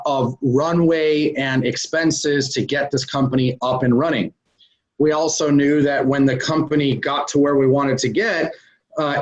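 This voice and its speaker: A man being interviewed as a real estate investor, explaining business ideas conversationally with plenty of "um" and "uh". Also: medium pitch. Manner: conversational, explains step by step with many "um" and "uh" fillers. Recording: dull lo-fi recording.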